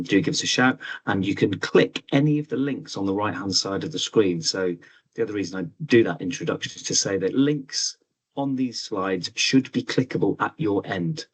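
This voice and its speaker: A man's voice: lowish voice, breathy edge, low-quality recording. A man hosting an online webinar in a chatty, hesitant way, full of ums, speaking over a video call. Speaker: webinar host. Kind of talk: casual online presentation.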